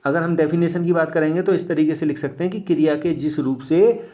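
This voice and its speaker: A man's voice: fairly high pitch, fairly quick, dark tone. A man teaching a grammar lesson, explaining step by step and often asking his students questions back.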